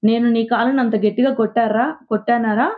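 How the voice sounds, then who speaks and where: A woman's voice: a little high, steady tone, lightly acted. A woman voicing foolish young male disciples who bicker and draw out their threats, on a tinny phone-like recording. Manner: squabbling, drawn-out threats.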